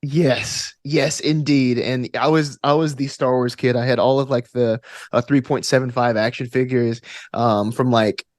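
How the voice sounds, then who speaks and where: Here a young man in his twenties, an actor and stage combat student from Alabama, chats enthusiastically as an interview guest using loose, slangy language in a Southern accent. His medium-pitched voice keeps a fairly even intonation at normal speed, and the studio-quality recording is dry.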